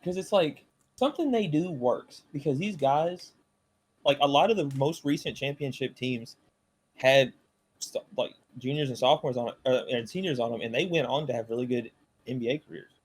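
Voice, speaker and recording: A man's voice: medium pitch, normal speed, husky. A young man with a Southern US accent hosting a casual podcast, talking sports with emphatic, profane remarks and stammered restarts. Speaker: podcast host. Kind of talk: casual chat.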